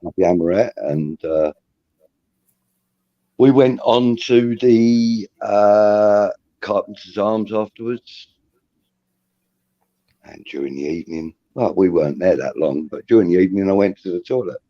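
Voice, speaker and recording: Low, mellow-voiced man hosting. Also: expressive, measured pace, long pauses, dry recording. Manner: chatty storyteller, laughs often, says um and uh. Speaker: host of a fan talk show. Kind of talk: casual chat. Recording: dull lo-fi recording.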